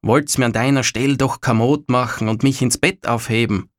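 A man voicing a brooding old farmer father who grumbles in a halting way. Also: mid-range voice, fairly even intonation, no room sound, clean studio sound, close to an everyday voice. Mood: gruff.

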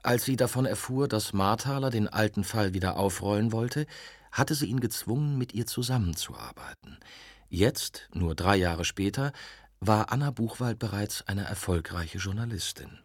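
A man reading an audiobook narration in an even, measured way. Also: fairly low pitch, breathy edge, no room sound, clean studio sound. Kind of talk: scripted narration.

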